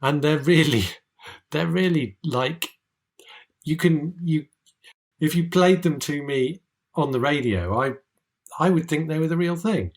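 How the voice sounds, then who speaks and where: A man's voice: a little high, unhurried, long pauses. A man from England co-hosting a podcast, speaking hesitantly and repeating words as he talks. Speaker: podcast co-host. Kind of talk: casual chat.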